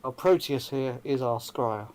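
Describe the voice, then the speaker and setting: Male tabletop player, mid pitch, casual in-character chat. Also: a little slow, a little mellow.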